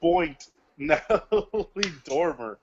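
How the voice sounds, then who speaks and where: A man's voice: on the high side, expressive, very slow, darkish tone. A man joking crudely in a casual review chat. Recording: muffled lo-fi recording.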